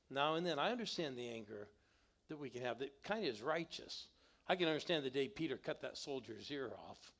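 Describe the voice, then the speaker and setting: A man's voice: mid-range voice, vocal fry. A middle-aged man, a guest pastor, tells stories in a sermon and calls on the congregation to answer back. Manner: animated, calls on the congregation to respond. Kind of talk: storytelling sermon. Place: church sanctuary.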